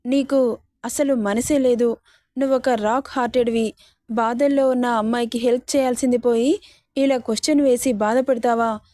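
A woman's voice: on the high side, fairly even intonation, moderate pace, mellow, no echo, studio quality, lightly acted. A woman voicing a bold, cheeky young woman who teases and fakes tearful pleading. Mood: teasing. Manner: teasing and sassy, mock-tearful pleading.

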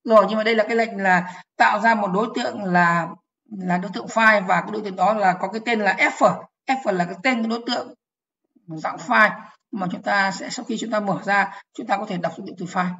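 A woman's voice: medium pitch, quick pace, a bit bright, muffled recording. A woman teaching programming in an online lecture, explaining step by step, repeating key phrases and asking if the class follows.

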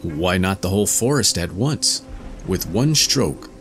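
A man's voice: low voice, lively intonation, a little slow, a bit bright, faint music behind. A man voicing a boastful but timid little male tailor, talking in a raised, strained, whimpering way.

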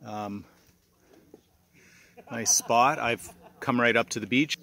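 Out hiking on a wooded island, a middle-aged man records himself on a handheld camera, speaking slowly at a medium pitch in a bright, forceful tone. He gushes about the views, exclaims at the scenery and laughs frequently as he narrates casually.

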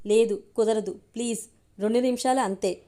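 A woman's voice: on the high side, steady tone, normal speed, dark tone, close to an everyday voice. A woman reading as a young man in love. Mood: earnest. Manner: earnest, pleading. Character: young man in love, hesitant then eager.

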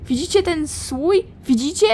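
Woman voicing a frantic game madwoman, high shrill voice, pleading and raving at volume. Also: expressive, a little slow, a little mellow, slight background noise. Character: frantic madwoman clutching a cursed jar.

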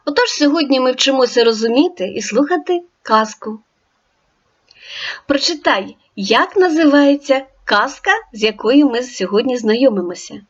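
Woman teacher recording a children's reading lesson; high, lively, encouraging, dull recording. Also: normal speed. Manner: clear, encouraging instructions to the child. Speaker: primary school teacher.

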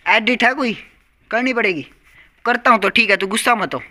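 A man's voice: sits high, normal speed, sharp tone. A young man, chatting casually on a family vlog and coaxingly pleading and apologizing over and over. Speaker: vlogger.

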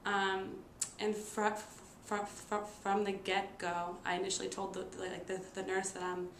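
In her 20s, a nursing student who attends stuttering therapy tells a personal story casually, halting often and leaning on fillers. Her marked stutter repeats sounds and stalls on words, and her pitch stays quite flat. Recorded in an echoey room, with noticeable noise behind her.

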